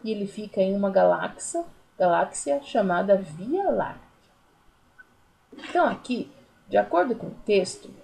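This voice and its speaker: A primary school teacher with a Brazilian Portuguese accent gives a recorded remote class, patiently explaining to young pupils while counting syllables and using many diminutives. Her voice is medium-pitched, creaky, and darkish. The recording is low quality.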